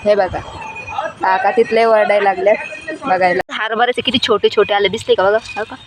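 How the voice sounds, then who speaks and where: A woman chatting excitedly to her viewers in a casual vlog, filmed outdoors on a handheld phone. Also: mid-range voice, fast talker. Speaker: vlogger. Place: outdoors by a road, in fields and at a temple. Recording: loud crowd and traffic noise outdoors. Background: loud crowd chatter and vehicle noise.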